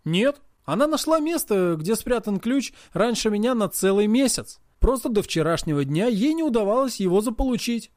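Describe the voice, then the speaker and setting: A man's voice: high voice, lively intonation, normal speed, few pauses, darkish tone, no echo, clean studio sound, voice pushed up. A man voicing a modest young man who waves off his friend's praise. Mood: protesting. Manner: protesting, brushing off praise. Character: young male hero, modest, embarrassed.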